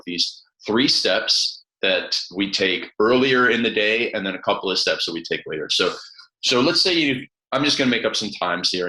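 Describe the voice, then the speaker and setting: A man's voice: low voice, pushed and bright. A man coaching in a conversational way, explaining step by step with acted-out examples, in a roomy, echoing recording. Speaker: coach and author, guest. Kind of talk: conversational advice.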